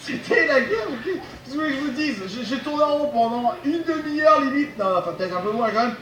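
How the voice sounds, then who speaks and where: A man giving excited commentary on a video game he is playing, talking straight to his viewers, often shouting and laughing. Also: very high voice, fairly quick, reverberant, a little hiss or hum, low-quality recording. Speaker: gaming video host.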